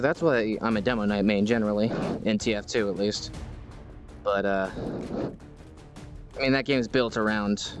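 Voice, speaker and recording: A man hosting a gaming video in casual let's-play commentary, rambling and self-mocking, reacting aloud to the game and to chat, and breaking into high, panicked yelps when under fire.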